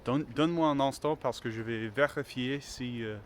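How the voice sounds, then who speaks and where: Speaking slow learner French with lots of hesitation, fillers and restarts, an English-native man films a casual walking vlog on his phone out on the street. His voice sits in the mid range, and passing vehicles and faint street ambience fill the background.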